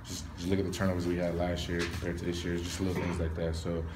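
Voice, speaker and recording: Subdued young man, low and flat. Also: quick pace, noisy background. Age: young adult. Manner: low-key and candid, trailing off with ums. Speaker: college football player. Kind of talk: postgame press interview. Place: hallway of a stadium in front of a sponsor backdrop. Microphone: reporters' recorders held close.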